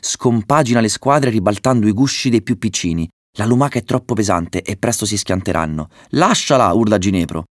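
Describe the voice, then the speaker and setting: Deep-voiced man narrating a children's story. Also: brisk, hardly any pauses, no echo, clean studio sound. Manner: lively, raises pitch for excited dialogue.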